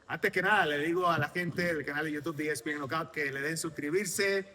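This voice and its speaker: Man, interviewer, bright tense voice, slightly high. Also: brisk. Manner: lively, promotional, asks long questions. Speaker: interviewer host. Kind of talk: sports interview.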